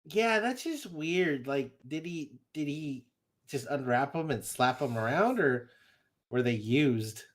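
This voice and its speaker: A man's voice: fairly high pitch, animated, slow. A man co-hosting a casual film podcast, joking around and laughing easily. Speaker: podcast co-host. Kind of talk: casual chat.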